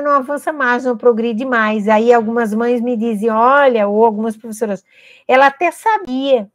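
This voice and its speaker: A Brazilian woman educator with a slightly high voice gives an emphatic teaching talk, putting rhetorical questions to parents and teachers and answering them at once. The recording is dry and close, with no room sound. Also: no room sound. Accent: Brazilian Portuguese.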